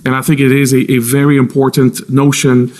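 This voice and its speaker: Even-toned male official testifying, careful and halting. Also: mid-range voice, slight background noise. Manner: careful, halting, hedged with frequent pauses and repeats. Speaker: intelligence agency official testifying as witness. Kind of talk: formal testimony under cross-examination. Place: formal public inquiry hearing.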